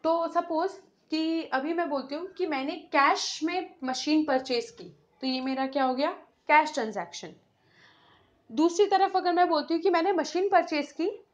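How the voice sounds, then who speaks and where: A woman lectures on accounts, walking through examples and asking and answering her own questions. The recording is dull and lo-fi. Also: high voice. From India. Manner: explains step by step, often asks and answers her own questions; mixes in English terms and reads English definitions slowly. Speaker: accounts teacher. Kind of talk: classroom lecture.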